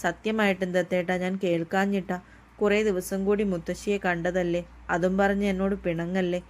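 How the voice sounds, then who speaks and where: A woman's voice: fairly low pitch, little pitch movement, a little fast, a little mellow, close to an everyday voice. A woman voicing a shy, tender young woman in a storybook romance, speaking with pleading hesitance.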